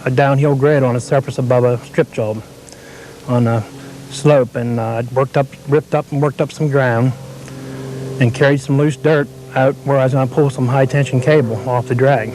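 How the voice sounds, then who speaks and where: A man who operates heavy equipment, telling his story in a plain, halting way, heard from a worn VHS tape copy. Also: medium pitch, fairly even intonation, a little mellow, poor audio. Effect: worn VHS tape copy with faint hiss. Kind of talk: interview answers.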